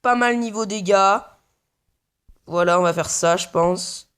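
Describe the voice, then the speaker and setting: Slow, swearing young gaming commentator. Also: male voice, high-pitched, a bit bright, smooth. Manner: mutters play-by-play, swears often. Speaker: gaming video creator. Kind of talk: casual gameplay commentary.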